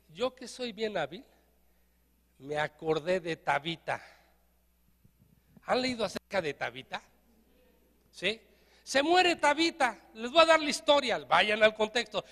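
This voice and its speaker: A man with a Mexican accent, a pastor giving a lively, joking sermon and having the congregation repeat phrases after him. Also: very high voice, measured pace, long pauses, in a large hall. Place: church.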